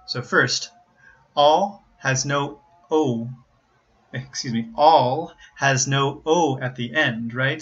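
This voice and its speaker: An American man giving an instructional pronunciation lesson, explaining carefully and enunciating examples deliberately. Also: medium pitch, sharp tone. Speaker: English pronunciation teacher. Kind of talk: instructional explanation with word demonstrations. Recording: slightly dull, lo-fi audio.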